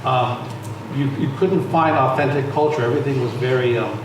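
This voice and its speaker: A middle-aged American musician and arts center founder speaks as a guest in an on-stage panel discussion in a lecture room, conversational and storytelling with frequent restarts. His mid-range voice has fairly even intonation and normal speed, and the recording is very echoey, distant-miked, and noisy.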